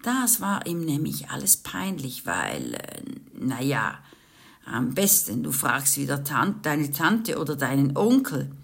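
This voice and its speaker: A woman reading a children's book aloud in a lively way, with chatty asides to young listeners. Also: low voice, slow, vocal fry, breathy edge. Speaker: storyteller.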